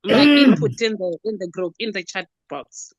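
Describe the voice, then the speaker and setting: A woman taking part in a webinar on a video call, speaking in a halting, hesitant way. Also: medium pitch, big pitch swings, slightly rough, dry recording, clean studio sound. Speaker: webinar participant. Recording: dull, muffled video call audio.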